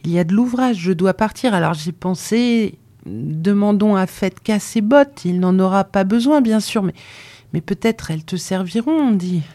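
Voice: mid-range voice, animated, moderate pace, mellow, dry recording, pitched above the performer's own voice, lightly acted. A reader voicing an awkward young male coachman who asks hesitantly for a favor, in an audiobook. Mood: wheedling. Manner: hesitant, wheedling. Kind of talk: audiobook character reading.

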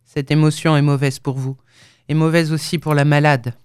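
A woman's voice: deep voice, normal speed, smooth, no room sound, studio quality, close to an everyday voice. A woman reading as a cold, menacing surgeon. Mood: quiet control. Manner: calm, clinical, menacing. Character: cold scheming male surgeon, middle-aged.

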